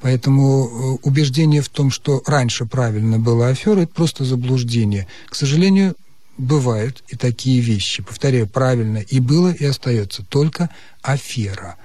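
A man who is a language expert, explaining listeners' questions on a radio call-in show in a measured, precise, lecturing way. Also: medium pitch, mellow, no room sound. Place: radio studio.

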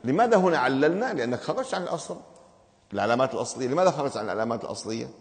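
A man's voice: mid-range voice, lively intonation, rapid-fire, in a large hall. A man teaching grammar to a class, asking the students questions and explaining each step insistently.

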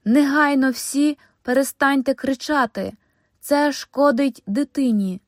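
A bossy, excitable young woman barks orders in a shrill voice, as a woman reader puts her on. Her pitch climbs high above the narration. The sound is close and dry, as in a storybook reading. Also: moderate pace, no echo, natural voice.

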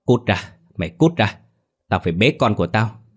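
A man's voice: deep voice, normal speed, breathy edge. A man voicing a frantic possessed mistress. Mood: hostile. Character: frantic possessed middle-aged mistress of a house, woman.

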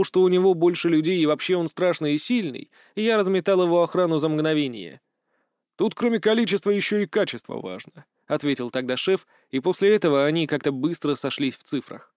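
A man's voice: a little high, quick pace, few pauses, darkish tone, clear, resonant tone, dry recording, studio quality. Man narrating an audiobook. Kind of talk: first-person audiobook narration.

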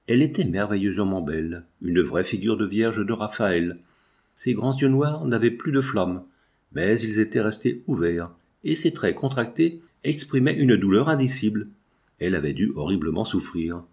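A man's voice: on the low side, lively intonation, normal speed, darkish tone. Man narrating a classic novel. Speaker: audiobook reader.

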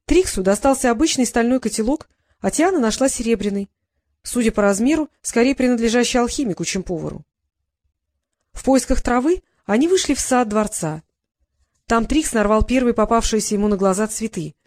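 A woman narrating an audiobook in a measured storytelling manner, close to the mic. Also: a little high, animated, darkish tone, dry recording. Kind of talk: scripted narration.

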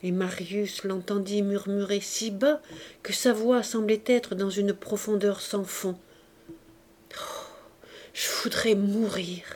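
Slow, measured woman reading a novel. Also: medium pitch. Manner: measured, expressive. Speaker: audiobook reader. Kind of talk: literary narration.

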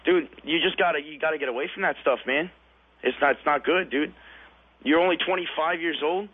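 A man's voice: fairly high pitch, a little fast, slightly rough. A man in his twenties calling in to a radio show, talking casually and bluntly, saying "dude" and "man" a lot. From California. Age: 20s. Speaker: caller. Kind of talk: phone-in radio call. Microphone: telephone. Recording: phone line on radio.

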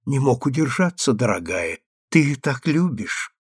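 A man voicing a timid, gentle young clerk who has just become a father. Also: medium pitch, very animated, measured pace, husky, no echo, studio quality. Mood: tender.

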